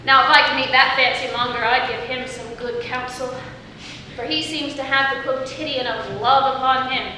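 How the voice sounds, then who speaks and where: A woman's voice: high voice, fairly even intonation, normal speed, pushed and bright. A woman on stage playing a witty, teasing young heroine disguised as a youth, declaiming playfully in Shakespearean style. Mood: teasing, mock scornful. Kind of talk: live Shakespeare stage acting. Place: stage performance, recorded from afar. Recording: distant, echoey stage recording with faint noise.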